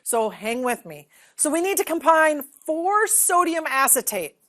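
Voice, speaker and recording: A woman's voice: high voice, very animated, unhurried, fairly bright tone. A woman in her forties leading a hands-on classroom demonstration, asking the room questions and checking in with "okay?". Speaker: teacher trainer. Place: large training room.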